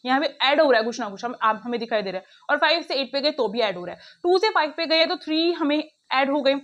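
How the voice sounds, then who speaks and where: A woman with a high, light voice teaches an online lesson, pressing her students along in a brisk, coaxing way. She speaks, close to the mic. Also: lively intonation, dull audio. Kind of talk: classroom lesson explaining puzzles.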